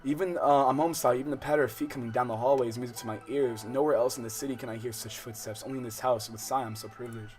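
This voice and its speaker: Racing along with hardly any pauses, this American streamer has a darkish, fairly even voice, lower than some though within an ordinary range. Hosting a visual novel let's-play, he reads the game text and constantly interrupts it with profane slang and digressions over the soundtrack.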